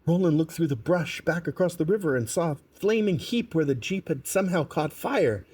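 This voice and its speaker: A man narrating an audiobook in a calm, measured reading. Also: fairly high pitch, husky. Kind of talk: scripted narration.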